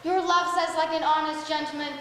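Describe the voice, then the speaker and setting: A woman's voice: sits high, level tone, a bit bright. A young woman acting an impatient young girl in love in a stage play, pleading and urging for news, on a school stage. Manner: impatient, pleading, quick to urge. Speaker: student actor. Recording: echoey hall, stage mics, faint noise.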